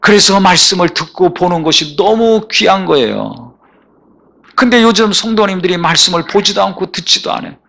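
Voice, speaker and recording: A man's voice: high voice, expressive, normal speed, creaky, sharp tone. A male pastor preaching a sermon in a church, building emphatic repeated phrases and calling for responses. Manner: preaching with rising emphatic repetitions and call-and-response. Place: church sanctuary.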